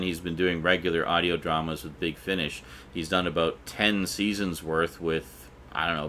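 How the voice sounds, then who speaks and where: Here a middle-aged man with a low, sharp-toned voice casually hosts his unscripted collectibles review video. Noise from the small indoor room, which has shelves, is clearly audible.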